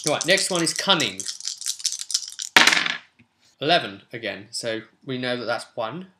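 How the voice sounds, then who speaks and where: A man in his twenties, host of a tabletop roleplay channel, explains the game to viewers in a very animated mid-range voice at a measured pace. He is casually thinking aloud as he rolls a character. Echo from the small home room, along with background hiss and clicks, colours the recording.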